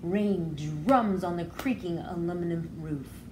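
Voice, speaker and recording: A woman teacher reading a story aloud to young children, expressively, pausing to explain things in simple words. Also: fairly low pitch, mellow, a little hiss or hum. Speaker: preschool educator.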